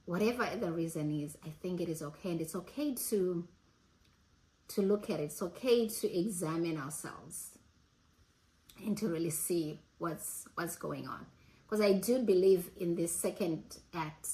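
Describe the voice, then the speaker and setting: A woman in her late forties talking earnestly and reflectively to her audience, pausing and restarting as she gathers her thoughts. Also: lowish voice, a little mellow, low-quality recording. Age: 40s. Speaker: host. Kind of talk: reflective casual talk.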